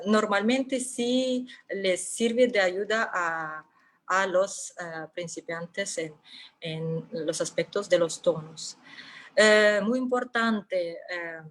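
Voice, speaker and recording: Slow, hesitant woman lecturing. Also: medium pitch. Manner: hesitant, many drawn-out fillers. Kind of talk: conference lecture.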